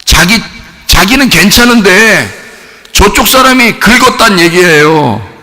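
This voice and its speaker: A male pastor preaching a sermon in a church sanctuary, emphatic and animated, often throwing questions to the congregation. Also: high-pitched, measured pace. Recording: reverberant church hall.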